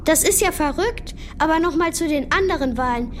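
A woman's voice: sits high, lively intonation, fairly quick, noisy background. A woman playing a curious, easily amazed young questioner in a scripted children's audio feature, exclaiming and asking. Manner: exclaiming, inquisitive.

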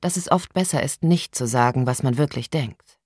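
A woman voicing a mild, weary father in an audiobook, calm and resigned. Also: rumbling low, moderate pace, breathy edge, no echo, clean studio sound. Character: weary, mild, secretive middle-class father giving quiet advice. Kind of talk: audiobook character voice.

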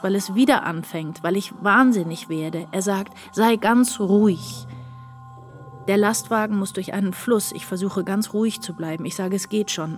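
A woman narrating in the first person in a dramatic literary reading, intense and halting. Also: mid-range voice.

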